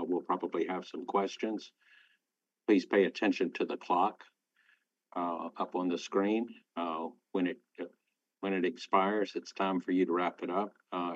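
Low-voiced, halting male judge. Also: a little mellow, no room sound. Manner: halting, deliberate, with frequent pauses. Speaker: presiding appellate judge. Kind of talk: formal spoken courtroom instructions. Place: remote court hearing. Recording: dry, dull remote-call audio.

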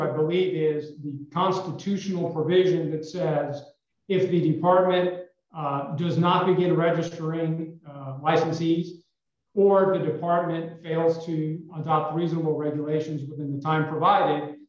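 A man arguing as an attorney before an appeals court in a formal, measured way, his voice hollow as if speaking inside a well. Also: fairly high pitch. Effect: hollow echo, as if speaking inside a well. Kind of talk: appellate oral argument. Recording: echoey, dull remote audio line.

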